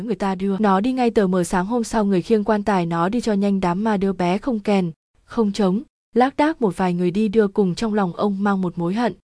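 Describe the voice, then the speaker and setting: A woman narrating a spooky village story in a steady, even storytelling tone. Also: mid-range voice, no room sound, studio quality.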